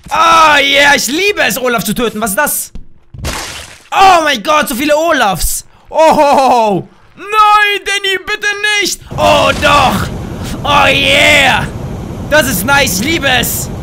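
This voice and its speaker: A young man from Germany doing loud, excitable let's play commentary, often shouting and throwing in English slang. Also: very high voice, slow, gravelly, a little hiss or hum. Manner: mixes English slang into his talk. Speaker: gaming YouTuber.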